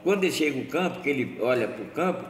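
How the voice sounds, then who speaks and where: A man's voice: mid-range voice, animated, quick pace. A man, telling local history as an oral storyteller in a rambling way, restarting and correcting himself. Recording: echoey, roomy sound from a distance with faint noise.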